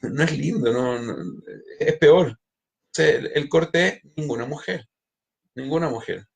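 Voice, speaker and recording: A man's voice: a little high, unhurried, vocal fry. A middle-aged man, a rabbi giving a spiritual lecture, who often restarts and repeats words as he speaks straight to his listeners.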